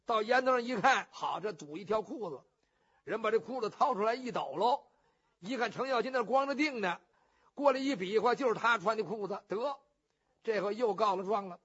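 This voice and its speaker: Guy telling an old story, high bright voice, kinda husky, lively. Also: brisk. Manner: lively, colloquial. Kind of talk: traditional oral storytelling. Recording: muffled lo-fi recording.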